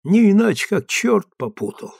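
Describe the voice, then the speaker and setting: A blunt old army major, as a male reader acts him out, blustering and excitable, his voice pushed high and bouncing around. Close, dry sound. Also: normal speed, creaky, slightly rough, no room sound, exaggerated voice. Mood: rueful.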